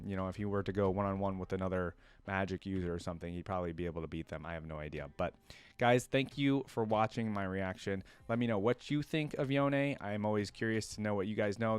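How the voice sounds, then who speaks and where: This reaction channel host has a low-pitched, smooth voice recorded with no echo. Thinking aloud, he rambles through casual, enthusiastic commentary straight to camera.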